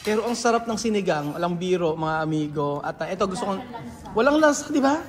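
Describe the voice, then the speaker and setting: A man's voice: high voice, expressive, fast, big-room sound, slight background noise. A man from the Philippines chatting casually in a food vlog, switching between languages and laughing as he tastes dishes at a restaurant. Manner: mixes Tagalog and English, laughs a lot while tasting. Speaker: food vlogger. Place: restaurant at a shared meal.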